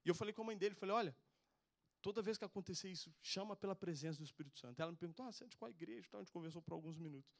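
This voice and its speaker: A man's voice: high voice, steady tone, rapid-fire. A young man with a Brazilian Portuguese accent, preaching and telling a personal testimony in a casual, slangy way. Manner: casual slangy storytelling, says "velho" a lot. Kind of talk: testimony sermon.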